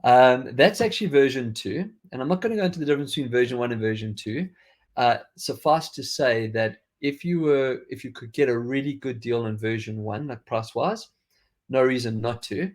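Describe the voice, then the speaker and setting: With a medium pitch and a fairly quick pace, a man from South Africa hosts a casual tech podcast. His South African accent has faded, and he rambles chattily, often starting over.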